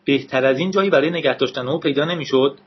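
A man's voice: medium pitch, slightly rough, highs cut off, lightly acted. A man voicing a sarcastic, bullying male federal agent with a menacing edge. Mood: sneering.

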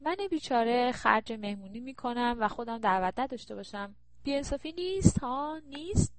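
A woman's voice: on the high side, no echo. A woman narrator voicing a jovial, teasing older man at a party in an audiobook. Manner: flattering, playful.

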